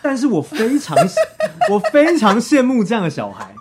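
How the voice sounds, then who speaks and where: A man's voice: extremely high pitch, wildly swooping pitch, a little fast, background noise. A man with a Taiwanese Mandarin accent telling his story casually as an interview guest, in a self-deprecating way. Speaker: interview guest, theatre director.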